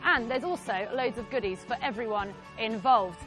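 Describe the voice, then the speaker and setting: Upbeat woman presenting, high-pitched. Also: moderate pace, faint music behind. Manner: energetic, announcing.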